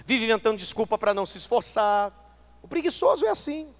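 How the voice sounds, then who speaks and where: A man preaching a sermon as pastor, animated, asking the congregation rhetorical questions and acting out their excuses. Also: sits high, brisk, big-room sound. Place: church.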